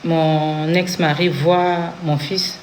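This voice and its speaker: A woman's voice: low voice, little pitch movement, extremely slow, a little mellow. Woman, congolese french accent, earnest personal testimony, acts out quoted voices, faint background noise. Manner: earnest storytelling, acting out what others said. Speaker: interviewee giving a testimony.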